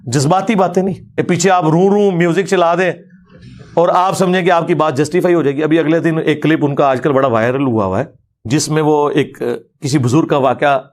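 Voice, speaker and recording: Guy with a higher voice arguing his point in a lecture, blunt and direct. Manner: argumentative, direct. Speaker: religious scholar. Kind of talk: lecture rebuttal.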